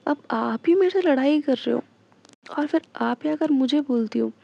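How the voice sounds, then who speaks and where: A woman voicing a bossy, quick-tempered young woman who speaks bluntly and teasingly to her love, in a dull lo-fi recording. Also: high voice, gravelly. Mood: teasing, defensive.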